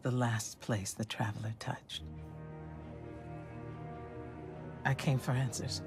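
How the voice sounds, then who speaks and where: In a video game cutscene, a female game character, a grave and wise woman warrior-mage who is a weary leader, speaks in a very deep, steady voice. Her delivery is solemn, measured, and commanding, heard over a loud musical score in the game mix.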